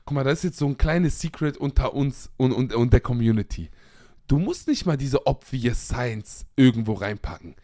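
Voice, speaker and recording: A man's voice: medium pitch, animated, normal speed, dark tone. A young man co-hosting a podcast in casual, slangy banter. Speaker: podcast co-host. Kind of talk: casual chat.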